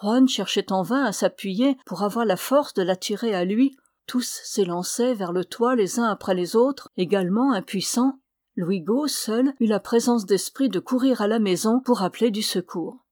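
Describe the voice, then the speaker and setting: A woman narrating a novel as an audiobook reader, in a steady, even storytelling read. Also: mid-range voice, normal speed, no room sound, studio quality. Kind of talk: scripted narration.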